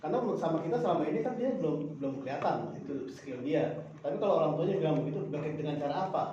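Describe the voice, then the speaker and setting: A man shares teaching anecdotes in a relaxed chat, acting out the lines of the people he quotes. His voice sits a little high and mellow. It was caught from across a very echoey room on a dull, slightly noisy recording. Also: rapid-fire, distant mic. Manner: animated storytelling, acts out quoted dialogue. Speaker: special-needs school teacher. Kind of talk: casual chat among colleagues.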